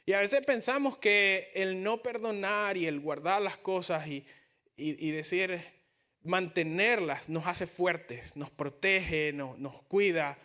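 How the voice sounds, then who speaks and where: An earnest male pastor delivering a sermon, with a voice pitched a little above usual. He often repeats and restarts words as he builds toward his points. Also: takes it slowly, sharp tone.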